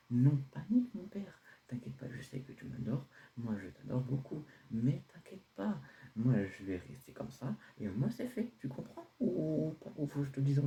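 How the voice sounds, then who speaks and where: Brief: laid-back teen son, hesitant, pleading , played by a man with a mellow voice. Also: mid-range voice, pitched above the performer's own voice. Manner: casual, pleading, hesitant with fillers. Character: carefree teenage son defending his outfit. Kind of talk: homemade comedy sketch.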